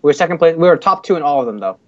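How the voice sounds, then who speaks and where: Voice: medium pitch, lively intonation, very fast. A young co-host of an esports fan podcast, bantering and teasing in casual chat. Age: young adult. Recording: dry dull lo-fi podcast audio.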